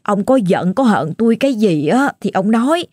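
A woman's voice: medium pitch, sing-song, moderate pace, a little mellow, husky, no echo, studio quality. A woman with a Southern Vietnamese accent voicing a frightened old grandmother who cries out and pleads with her husband. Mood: tearful pleading.

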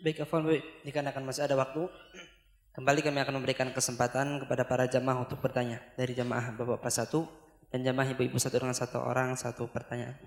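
A man moderating a religious gathering and announcing the next round of questions in a quick, level voice. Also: medium pitch, little pitch movement. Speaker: moderator of the session. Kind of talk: announcing to the audience. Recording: roomy hall with long reverb.

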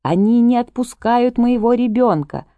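A woman voicing a desperate woman artist who shouts urgent warnings at a crowd, in a dry recording. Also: mid-range voice, moderate pace, no echo, voice pushed up, close to an everyday voice. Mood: frantic.

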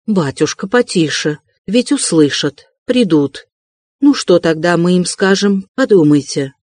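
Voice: medium pitch, a little slow, a little mellow, no echo, clean studio sound, close to an everyday voice. A reader voicing a fussy, ingratiating middle-aged male investigator in an audiobook, wheedling and chuckling. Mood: alarmed, hushed. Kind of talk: audiobook character reading.

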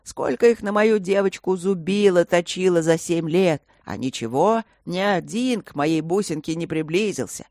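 A woman's voice: fairly low pitch, lively intonation, moderate pace, few pauses, a little mellow, dry recording, clean studio sound. A woman voicing a burly, overprotective fantasy father who grumbles in a tipsy, doting way. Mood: grumbling.

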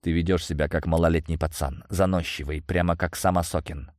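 A man voicing a cold enforcer with a low, measured voice, reproachful and tired of arguing. Recorded dry and close. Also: steady tone, darkish tone, no room sound, close to an everyday voice. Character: cold, weary male enforcer.

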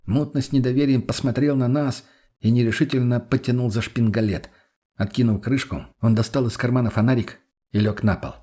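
Husky male audiobook narrator. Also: mid-range voice, fairly even intonation, brisk, warm tone. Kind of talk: first-person audiobook narration.

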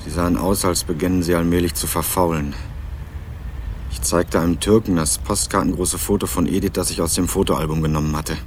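Here the voice is low, even, and brisk, lightly acted over a slight hiss or hum. A sardonic young man hunting for his missing cousin tells the story in first person, hard-boiled and clipped, in a radio play scored with background music.

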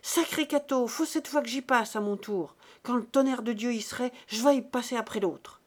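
Lady reading as a brute of a farmer yelling loud and raw, storybook rage. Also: fairly high pitch, normal speed, natural voice. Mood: furious shouting. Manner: shouting, coarse. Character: brutal furious male peasant farmer.

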